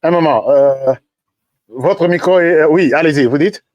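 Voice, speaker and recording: A man's voice: a little high, unhurried, darkish tone, no echo, muffled recording. A man hosting a political talk show, wrapping up with many hesitations and filler sounds.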